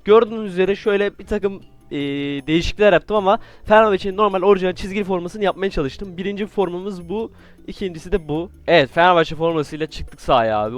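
A man giving casual, joking commentary while playing a game, with sudden excited outbursts and playful trash talk. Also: sits high. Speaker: gaming YouTuber.

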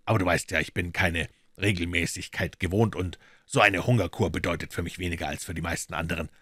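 A man voicing a calm, clever detective who talks in a measured way in an audiobook. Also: sits low, husky, no room sound, studio quality. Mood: explaining.

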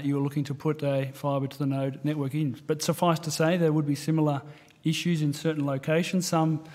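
A man giving careful, measured technical evidence at a parliamentary hearing as a company executive. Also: fairly high pitch, darkish tone. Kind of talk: formal testimony at a parliamentary hearing.

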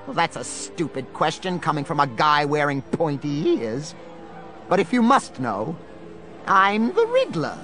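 High-pitched, theatrical riddle villain, the Riddler. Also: male voice, sing-song, unhurried, bright, forceful tone, soft background music, heavily acted. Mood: taunting. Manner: theatrical, taunting. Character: gleeful, taunting villain obsessed with riddles. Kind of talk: children's audio drama acting.

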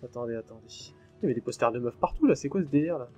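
A man talks his way through a horror game, chatting to viewers and letting curses fly whenever something jumps out. His voice sits at an ordinary middle pitch, with quiet game music running underneath. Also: animated, very fast, muffled recording. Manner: chatty and jumpy, swears freely when startled. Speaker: gaming channel host. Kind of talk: let's play commentary.

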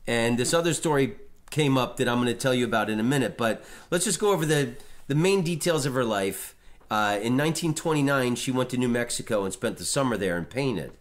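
A middle-aged podcast host chats casually about art history in an animated, fairly quick voice of medium pitch. He rambles, restarting sentences often and using plenty of fillers.

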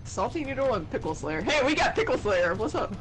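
Playful woman gamer over loud game music. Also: a little high, sing-song, brisk. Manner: playful, jokingly dramatic outbursts. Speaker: online gamer streaming with friends. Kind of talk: casual gaming chat. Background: loud game music and gunfire.

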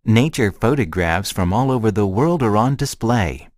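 Man acting a friendly chatting man, lesson dialogue, careful short sentences, lively intonation, dry sound. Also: on the low side, moderate pace, dry recording, lightly acted. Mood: friendly, measured. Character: friendly man chatting about a shared hobby. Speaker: language lesson dialogue speaker.

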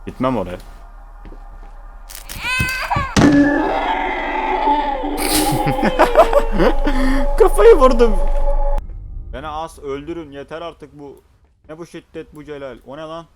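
A gaming streamer commentates on a horror game while playing, swearing constantly and reacting to scares in a jumpy, panicky way. His voice is a little high with big pitch swings, at a moderate pace over music.

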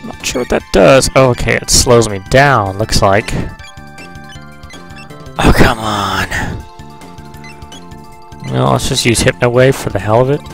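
A man's voice: mid-range voice, animated, slow pace, creaky, pauses often. A man giving casual, rambling, joking commentary as he plays a video game. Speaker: let's player. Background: video game music.

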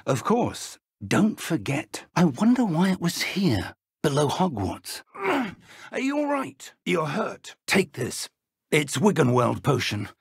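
Elderly British wizard professor, gravelly, lively intonation, earnest and courteous mentor, formal phrasing, video game dialogue. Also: male voice, on the high side, no echo, studio quality, heavily acted. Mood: concerned, startled. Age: older. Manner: measured, formal, articulate.

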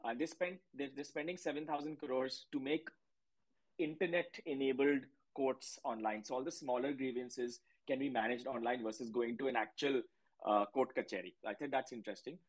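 A man's voice: medium pitch, fairly even intonation, normal speed, rough recording. A man with an Indian accent, a podcast guest explaining markets in a chatty, emphatic way and mixing Hindi into his English. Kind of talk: casual conversational explaining.

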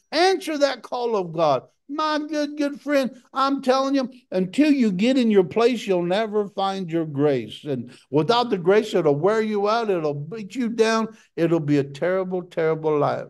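High-voiced impassioned male preacher. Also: expressive, a little slow, few pauses. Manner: impassioned preaching, jumps to a high pitch for emphasis. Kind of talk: sermon.

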